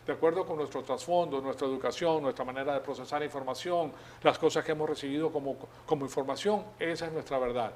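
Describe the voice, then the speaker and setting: A man's voice: on the high side, a little hiss or hum. A male preacher giving a teaching sermon in a conversational way, asking the congregation questions and often restarting his sentences. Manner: conversational, acts out questions, many fillers and restarts.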